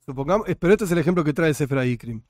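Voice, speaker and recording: A man's voice: on the high side, lively intonation, very fast, a little mellow, no echo, clean studio sound. A man teaching a religion class, full of rhetorical questions and jokey asides. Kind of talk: classroom lecture.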